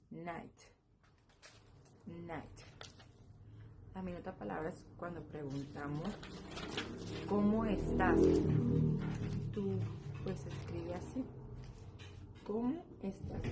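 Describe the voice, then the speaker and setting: A woman teaching a beginner language lesson. She explains slowly and repeats each word several times. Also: lowish voice. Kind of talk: practice lesson presentation. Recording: noisy home recording.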